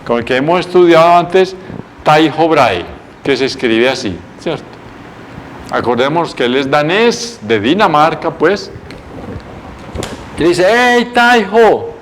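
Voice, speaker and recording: Un profesor con acento colombiano que da una clase televisada en tono coloquial, contando la historia de forma animada y corrigiéndose a sí mismo. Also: male voice, a little high, a little slow, slight background noise. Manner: lively, colloquial, self-correcting storyteller. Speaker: teacher. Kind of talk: televised lecture, storytelling.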